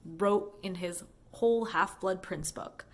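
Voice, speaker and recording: Taking it slowly in a mid-range voice, a woman who teaches high school English and loves books talks through a casual, chatty, voicemail-like monologue. She muses conversationally, heavy on fillers such as "like" and "you know."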